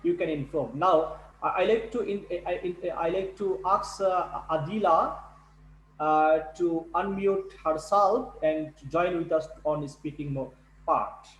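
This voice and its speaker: High-voiced male tutor, echoey call. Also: a little hiss or hum. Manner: halting, repeats words, non-native English. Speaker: English test tutor. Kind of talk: online speaking class. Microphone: video call.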